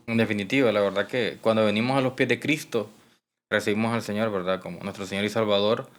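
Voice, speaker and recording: A man's voice: fairly low pitch, steady tone, quick pace. A male podcast host who answers with short affirmations and adds his own reflections. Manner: affirming interjections, churchy agreement. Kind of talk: interview.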